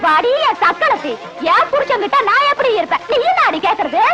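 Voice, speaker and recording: A woman acting a quarrelsome village wife in a film comedy, firing back quick retorts. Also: very high-pitched, very animated, noisy background. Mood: defiant. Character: sharp-tongued village wife. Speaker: actress in film scenes.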